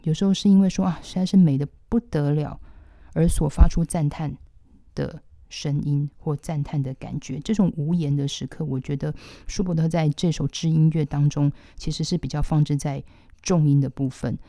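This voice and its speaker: Taiwanese Mandarin woman, podcast host and pianist; measured, reflective music talk, very dark warm timbre, dry recording. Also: low voice, fairly even intonation, dry recording. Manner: measured, thoughtful, slows down to stress points.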